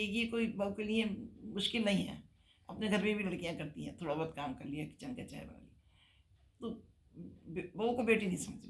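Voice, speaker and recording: An older woman giving earnest, emphatic marriage advice on a talk show. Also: medium pitch.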